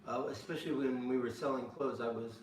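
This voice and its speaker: A man's voice: medium pitch, fairly even intonation, fast. A man co-hosting a home cooking live stream, laid-back and offering practical tips. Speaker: co-host, host's husband. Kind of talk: casual live-stream chat. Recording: echoey room, far from mic, faint noise.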